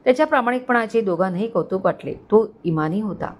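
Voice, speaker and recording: A woman narrating a written story in a steady, measured reading voice. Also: medium pitch.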